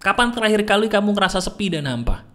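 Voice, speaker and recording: Talking fast in a high voice, this motivational speaker is animated, constantly teasing the listener and peppering them with question after question.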